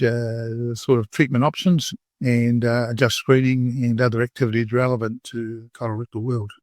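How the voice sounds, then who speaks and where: A man's voice: medium pitch, a little mellow, no echo. A man in his sixties with a New Zealand accent, a surgeon interviewed about his work, speaking hesitantly with many fillers and restarts. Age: 60s. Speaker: colorectal surgeon, guest. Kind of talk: conversational interview.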